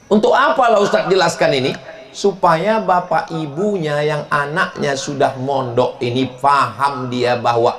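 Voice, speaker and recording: A man's voice: high-pitched, fairly bright tone. A middle-aged male preacher, giving a humorous sermon to a crowd and drawing out his Arabic recitation. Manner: playful, jokes and chuckles, drawn-out Arabic recitation. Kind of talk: humorous sermon to a live audience.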